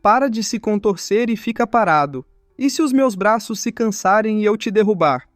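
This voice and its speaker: A man's voice: high voice, expressive, moderate pace, no room sound, studio quality, soft background music. A man voicing a teasing young woman with brute strength, mock-sweet and playful.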